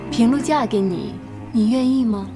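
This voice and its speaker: A woman's voice: a little high, moderate pace, over music, close to an everyday voice. A middle-aged actress playing a shrewd, motherly official's wife who talks soothingly and schemes in a TV drama. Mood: scheming. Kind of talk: TV drama acting.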